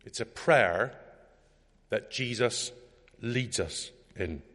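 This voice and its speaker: A man giving a measured, reflective sermon, reading scripture aloud with a lift in his voice. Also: fairly low pitch, fairly bright tone, big-room sound. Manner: measured, reflective delivery, rising for quoted scripture. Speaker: preacher.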